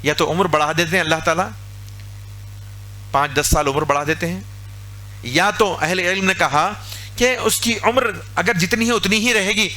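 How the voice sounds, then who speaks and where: A man preaching a sermon in a mosque, lively and conversational, acting out everyday scenes. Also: high-pitched, long pauses. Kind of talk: Urdu sermon.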